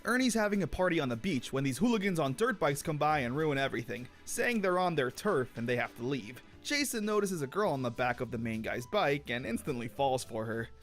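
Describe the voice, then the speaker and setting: A man's voice: fairly high pitch, very animated, brisk, few pauses, soft background music. A young man hosting and narrating a scripted episode recap with wry, sarcastic commentary. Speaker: host.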